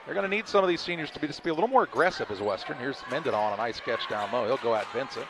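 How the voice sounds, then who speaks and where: A man calling a high school basketball game in quick, clipped play-by-play. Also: expressive. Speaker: play-by-play announcer. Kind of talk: live sports commentary. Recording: crowd noise and gym ambience behind.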